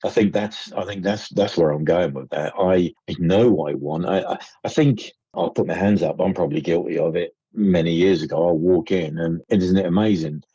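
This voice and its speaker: A man's voice: deep voice, moderate pace, hardly any pauses, dark tone, slightly rough, no room sound, low-quality recording. A man from England with a northern English accent, chatting as a podcast guest, telling stories with acted-out quotes and frequent laughs. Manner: chatty storyteller, acts out quoted voices, laughs often. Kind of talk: casual chat.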